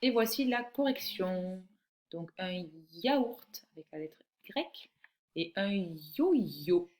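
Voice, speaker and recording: A woman teaching a phonics lesson to young children, reading words slowly and clearly and encouraging the child. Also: medium pitch, animated, darkish tone. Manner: encouraging, addresses the child directly. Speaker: primary school teacher.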